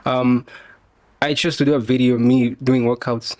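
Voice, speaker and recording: A man's voice: mid-range voice, normal speed, no room sound. A young man from Tanzania, a podcast guest, chatting casually with lots of "you know" and easy laughs. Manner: relaxed, laughs often, many fillers like "you know". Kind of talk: casual interview chat.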